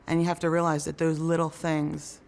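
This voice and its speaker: A woman's voice: sits low, level tone, fairly quick, gravelly, a little mellow, a little hiss or hum. A woman working as a care aide, giving plain, practical interview answers in a care facility. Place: indoor care facility lounge.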